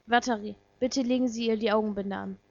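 A woman's voice: a little high, fairly even intonation, fairly quick, warm tone. A woman voicing a cool, detached young male detective who speaks in curt, matter-of-fact questions. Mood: blunt. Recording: dull lo-fi recording.

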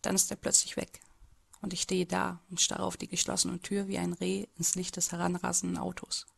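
A woman's voice: fairly low pitch, completely flat delivery, a little fast, gravelly, husky, heavily acted. A woman voicing a timid, bullied teenage boy who narrates his own story in an amateur audio drama, in a hesitant, subdued way.

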